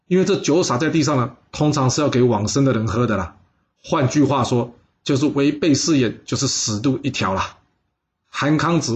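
Chatty male storyteller, slightly dull audio. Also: medium pitch. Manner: chatty, addresses the listener with asides. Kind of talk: lively historical storytelling.

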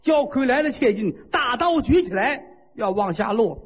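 A man telling a traditional story in a vivid, animated way, acting out sound effects. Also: very high voice, moderate pace, a little hiss or hum. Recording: tinny phone-like with long reverb.

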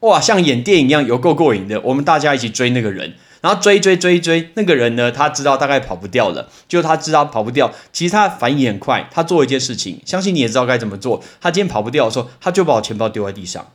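A man hosts a casual English vocabulary podcast. He tells stories with lively energy and slows right down to repeat each new word for his listeners. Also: mid-range voice. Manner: lively storytelling, repeats English words slowly for drilling.

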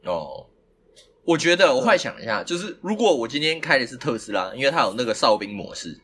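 A man's voice: mid-range voice, very animated, quick pace, a bit bright, slight background noise. A man with a Taiwanese Mandarin accent, hosting a casual podcast and animatedly telling a story, often breaking into laughter. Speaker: podcast host.

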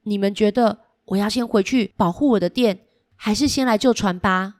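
A woman's voice: medium pitch, normal speed, a little mellow, lightly acted. A woman voicing an earnest little insect shopkeeper hero while reading to small children, urgent and appealing to them. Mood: worried, then resolved. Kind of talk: picture-book read-aloud to small children.

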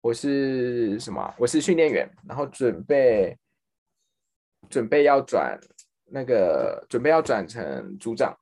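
A man's voice: unhurried, vocal fry. A man with a Taiwanese Mandarin accent telling a work story in casual podcast chat, acting out the people he quotes. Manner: animated, acts out quoted people with big pitch jumps. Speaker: podcast co-host.

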